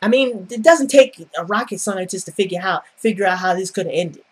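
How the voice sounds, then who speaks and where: A woman's voice: mid-range voice, a little fast, slightly rough. A woman giving a casual, opinionated TV episode review, exasperated and sarcastic, firing off repeated rhetorical questions.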